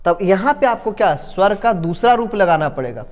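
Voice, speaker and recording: A man's voice: sits high, expressive, normal speed. A man teaching a grammar lesson. He draws vowels out to demonstrate them and keeps checking in with "ठीक है". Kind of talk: classroom-style grammar lesson. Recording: long echoing reverb in a room.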